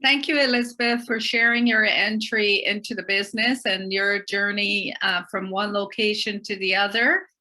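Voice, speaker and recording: A middle-aged woman from Barbados hosting a community talk show, speaking slowly and carefully with many fillers. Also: mid-range voice, steady tone, bright, forceful tone. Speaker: host.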